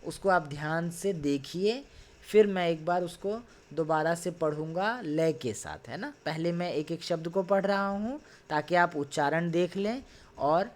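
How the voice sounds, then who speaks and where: Patient male Sanskrit teacher on a video call. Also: a little high. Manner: patient, repeats tag questions, spells words out slowly syllable by syllable. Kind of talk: online class lecture.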